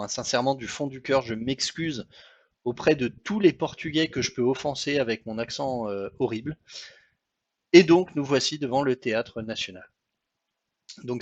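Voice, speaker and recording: A man's voice: medium pitch, no room sound, lo-fi sound. A man with a French accent narrating a travel slideshow in a chatty, hesitant, apologetic way. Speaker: travel vlogger. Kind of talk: casual travel commentary over photos.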